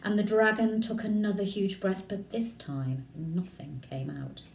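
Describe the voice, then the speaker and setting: A woman's voice: medium pitch, animated, measured pace, darkish tone, a little hiss or hum. A woman reading a storybook aloud expressively, like a primary school teacher talking directly to young listeners. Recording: roomy echo, distant microphone.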